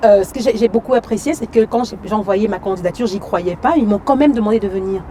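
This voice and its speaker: Brief: woman from Cameroon, actress-singer guest, warm mellow tone, lively casual chat with fillers. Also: mid-range voice, fast, slight background noise. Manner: lively, frequent fillers and "tu vois".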